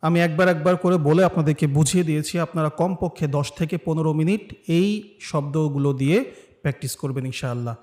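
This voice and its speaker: Bangladeshi man, slightly high voice, patient Quran recitation teacher drawling example words slowly. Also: a little mellow. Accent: Bangladeshi Bengali. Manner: explains rules patiently, then drawls words slowly for students to repeat. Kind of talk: step-by-step recitation lesson.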